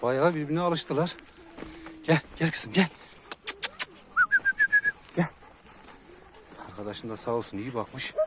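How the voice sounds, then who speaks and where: A man's voice: mid-range voice, lively intonation, takes it slowly, pauses often. A man filming his young dogs outdoors, talking to his viewers and calling and scolding the puppies. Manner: talks to viewers, then calls and scolds dogs loudly. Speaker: kangal dog owner filming his puppies. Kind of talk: casual outdoor vlog narration. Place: outdoors in a rural yard. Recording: faint outdoor noise.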